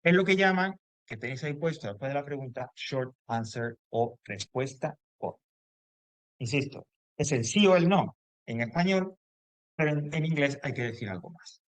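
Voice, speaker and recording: A man's voice: medium pitch, expressive, moderate pace, no echo. A man teaching English grammar to a class, explaining step by step and checking in often.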